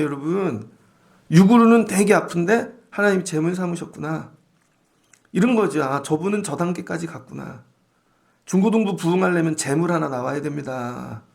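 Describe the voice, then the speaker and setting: Gravelly, animated Korean-style preacher man. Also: on the high side. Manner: animated, colloquial preaching with acted-out quotes. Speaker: pastor. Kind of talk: dawn service sermon.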